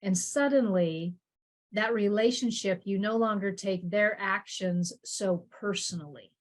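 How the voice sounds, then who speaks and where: A woman's voice: medium pitch, measured pace. A woman hosting a podcast, chatty and affirming, with a casual turn of phrase. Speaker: podcast host. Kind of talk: podcast conversation.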